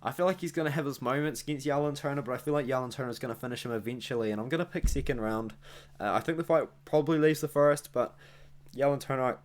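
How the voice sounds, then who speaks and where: Speaking fast at a medium pitch, a young Kiwi host of an MMA analysis channel talks casually through his fight pick. He rambles, corrects himself as he goes, and breaks off to address his viewers.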